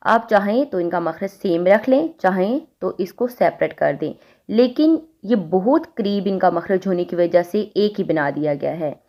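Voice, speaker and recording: A woman teaching a recitation lesson, explaining letter sounds patiently and repeating them slowly to demonstrate. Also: medium pitch. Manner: patient, repeats points to the listener.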